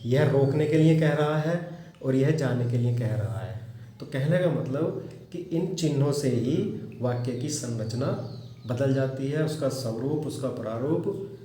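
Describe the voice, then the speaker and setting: A man teaching a grammar lesson, explaining slowly and repeating example sentences. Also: mid-range voice, warm tone, slight background noise. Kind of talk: classroom lecture on grammar. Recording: echoey room with faint ambience.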